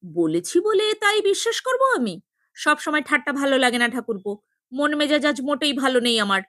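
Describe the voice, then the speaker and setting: A woman voicing a hot-tempered, sharp-tongued young sister-in-law who scolds indignantly, in a story reading. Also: high voice, expressive, fairly quick, no room sound, clean studio sound. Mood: indignant scolding.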